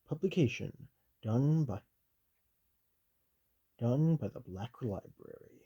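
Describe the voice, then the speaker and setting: A stern, loyal commissar, as a man puts him on, reads an army handbook in whispered role-play. His low, mellow voice is soft and breathy, measured and officious, with dry little asides between the passages. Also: expressive, highs cut off, full character voice. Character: stern loyal male commissar reading aloud.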